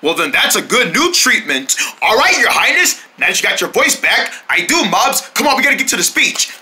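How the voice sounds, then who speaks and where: A lone performer handles all the characters in a homemade paper puppet skit, leaping from squeaky to low put-on voices with frequent shouts and sobs. The delivery is sing-song and a little fast, with soft music playing in the background.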